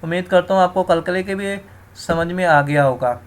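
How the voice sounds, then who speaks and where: A man teaching Quran recitation rules, explaining each rule and then slowly sounding out words to demonstrate, often turning to his viewers as friends. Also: high-pitched, slight background noise. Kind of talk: tajweed lesson, explaining and demonstrating.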